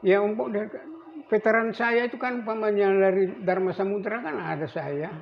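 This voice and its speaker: An elderly man in his eighties, a navy veteran, recalling his service in a rambling, halting way with many restarts. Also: high voice, creaky. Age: 80s. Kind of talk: recorded interview. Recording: dull lo-fi recording with faint noise.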